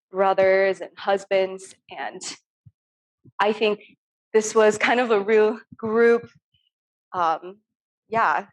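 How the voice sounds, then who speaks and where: Over a video call from a room at home, a young Turkish woman who works as an artist talks about her work in a casual, earnest way, saying "um" often. Her voice is mid-range and the recording quality is low.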